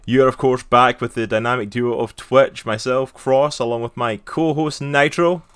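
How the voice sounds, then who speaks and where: A man's voice: medium pitch, fairly even intonation, normal speed, a bit bright, clean tone, no echo. A man co-hosting a casual comic podcast, upbeat and greeting chat viewers by name. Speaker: podcast co-host.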